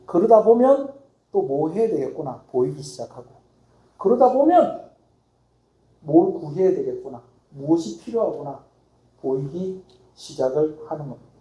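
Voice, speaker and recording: Casting note: middle-aged male pastor, lively swinging pitch, mellow tone, echoey church hall. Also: moderate pace, long pauses. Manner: emphatic preaching, acts out dialogue. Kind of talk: sermon. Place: church sanctuary.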